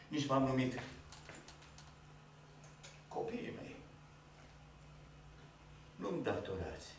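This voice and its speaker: Man acting an old king raging at a storm. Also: on the high side. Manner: declaiming, shouting, theatrical. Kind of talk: live stage acting. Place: theatre stage. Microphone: distant room mic. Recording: echoey hall from far off.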